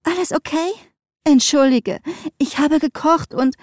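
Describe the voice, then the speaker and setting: A woman voicing a young woman, an older sister, who speaks in a brisk and soothing way in a storybook reading. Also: high-pitched, no room sound, studio quality, voice pushed up.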